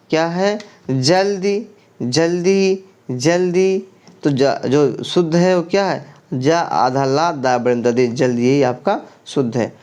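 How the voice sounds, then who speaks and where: A man's voice: fairly high pitch, a little mellow. A male teacher working through exam questions one by one, asking the class about each answer and then giving it. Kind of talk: exam prep lesson going through quiz questions.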